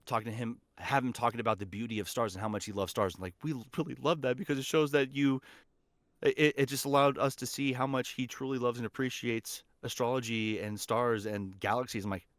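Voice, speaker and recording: On a clean studio recording with no echo, a man speaks fairly quickly in a mid-range voice with fairly even intonation. As a podcast guest who acts and teaches voice acting, he gives conversational advice that's encouraging and emphatic, circling back to key phrases.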